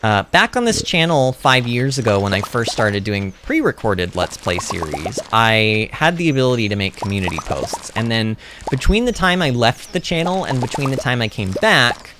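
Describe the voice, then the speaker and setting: The streamer's mid-range, sing-song voice moves at normal speed with few pauses against a noisy backdrop. A native English speaker, they play a farming game live, chatting casually with the audience and speaking emphatically.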